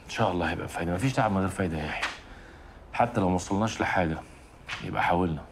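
A man's voice: deep voice, very fast, noisy background. An actor playing a weary boss who thanks and encourages his staff with an Egyptian accent. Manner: apologetic, encouraging.

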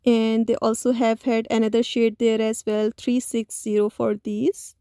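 A woman narrating a store shopping video in a voice-over, speaking slowly. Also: a little high, little pitch movement, warm tone, dry recording, clean studio sound. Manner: slow, listy, with many "uh" pauses. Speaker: shopping vlogger.

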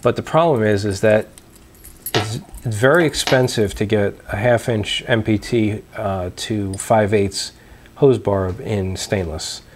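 Young man, low-pitched, relaxed explanations with fillers, home room, lapel mic, light background noise. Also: takes it slowly. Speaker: homebrewing video host. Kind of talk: casual show-and-tell demonstration. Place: small dim room at home, indoors.

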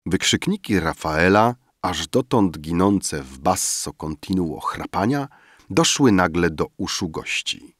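A man reading a classic novel aloud as an audiobook narrator, measured and expressive. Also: sits low, breathy edge, dry recording, studio quality. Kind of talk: scripted narration.

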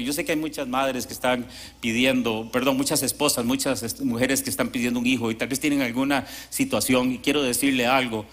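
A male pastor, preaching a sermon at a church service as a lively storyteller who acts out quotes and asides. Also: mid-range voice.

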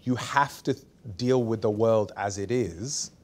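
Interview guest, man, 40s, lowish voice, frank and forceful, small studio, lapel mic. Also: a little slow. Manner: emphatic, candid, lively anecdotes. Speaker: barrister and author, interview guest. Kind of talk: seated conversational interview. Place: small bright studio set.

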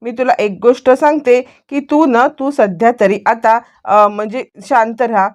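A woman's voice: a little high, fairly even intonation, moderate pace, natural voice. Young husband, voiced by a female storyteller; firm, reassuring.

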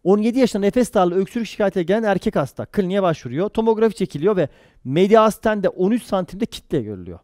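Man, pathology lecturer, high voice, dry close sound, quizzing, jokey mnemonics. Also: dry recording. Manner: quizzing, answers own questions quickly; lively, jokey asides with mnemonics. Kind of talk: exam-prep lecture.

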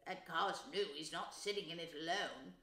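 Lady putting on a gruff bossy uncle, storybook villain type, blustery, echoey room. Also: lowish voice, moderate pace, sharp tone. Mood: grumbling. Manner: blustering, threatening. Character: gruff, menacing, bullying large uncle.

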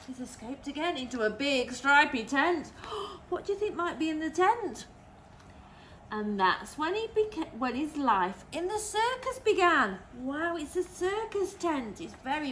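A woman's voice: high voice, a little hiss or hum. A nursery teacher, a woman, reading a picture book aloud to young children, gasping and asking them questions. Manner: animated, with gasps and questions to the children.

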